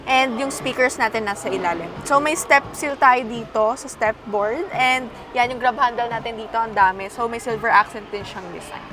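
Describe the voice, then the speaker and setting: A woman's voice: on the high side, normal speed, hardly any pauses, background noise. A young woman from the Philippines giving a casual walkaround review from inside a passenger van, chatty and demonstrative as she points out each feature. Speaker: car review presenter.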